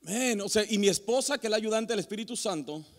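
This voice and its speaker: High-voiced pastor telling stories. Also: male voice, quick pace. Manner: animated, self-mocking storytelling with many restarts. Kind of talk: storytelling sermon. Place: church sanctuary. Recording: long hall reverb in a church.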